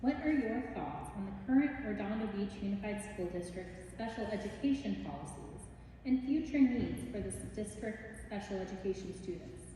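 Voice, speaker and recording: A woman moderating a candidate forum, brisk and businesslike as she calls on speakers. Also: mid-range voice, lively intonation, mellow. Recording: echoey hall, distant mic, faint hum.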